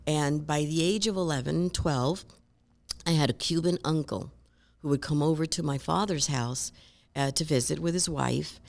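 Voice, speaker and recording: A woman from Rico, a guest telling lively stories in an interview and acting out other people's voices. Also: low voice, gravelly. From Puerto Rico. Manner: animated, acts out voices and accents in stories. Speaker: guest speaker. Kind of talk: conversational interview storytelling.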